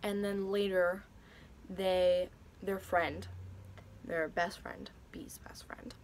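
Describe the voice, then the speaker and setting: A woman's voice: fairly low pitch, little pitch movement, takes it slowly, a little hiss or hum. A young woman telling a personal story in a vlog, hesitant and emotional, with many fillers and restarts. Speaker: vlogger.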